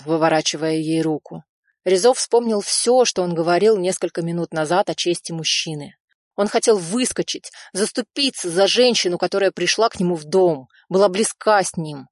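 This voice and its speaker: A woman narrating an audiobook in an even, measured reading. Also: lowish voice, no room sound, clean studio sound.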